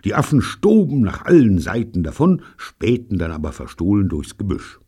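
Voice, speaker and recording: A man reading a children's novel aloud as narrator, in an expressive, characterful way. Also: fairly low pitch, normal speed, husky. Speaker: audiobook narrator. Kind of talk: storybook reading.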